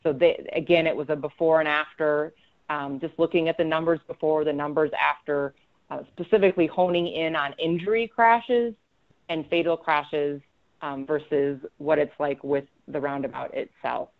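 A woman's voice: low voice, fairly even intonation, normal speed. A woman presenting a webinar as a road safety engineer, talking conversationally with frequent ums and self-corrections. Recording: slightly dull lo-fi audio.

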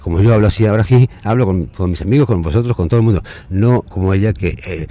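A man telling his side of a breakup into a phone camera, unscripted and halting, restarting words and growing more pleading. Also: on the low side, warm tone, a little hiss or hum. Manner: aggrieved, rising and pleading as he goes. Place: outdoors, near a train line.

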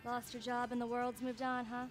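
Snide young store clerk played by a woman, slightly high voice, music behind. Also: monotone, normal speed, natural voice. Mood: condescending. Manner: condescending. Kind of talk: video game dialogue.

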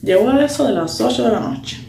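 A woman's voice: fairly high pitch, a little fast, gravelly. Chatty woman in an echoey room. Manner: animated, lively retelling with slang and English asides. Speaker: vlogger. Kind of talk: casual storytime. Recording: echoey room with faint hum.

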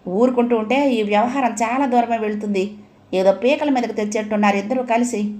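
A woman's voice: on the high side, fairly quick, warm tone, close to an everyday voice. A woman voicing an irritable middle-aged father who scolds his wife sarcastically, in an audio story. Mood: scolding.

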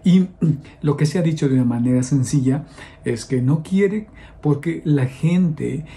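A male priest giving a homily on the Sunday gospel in a conversational, explaining way, with many fillers and quick checks with his listeners. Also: a little high, dark tone.

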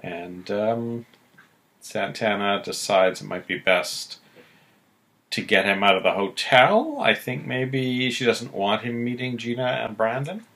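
A man co-hosting a podcast, casually recapping episodes with relaxed pauses. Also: lowish voice. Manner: relaxed, recounting plot with pauses. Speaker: podcast co-host.

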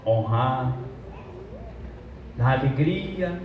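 A man with a Brazilian Portuguese accent leads a wedding ceremony as officiant, speaking solemnly in measured phrases with pauses. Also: medium pitch, animated. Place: large metal-roofed event hall with guests. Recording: roomy, muffled, distant, slight background noise.

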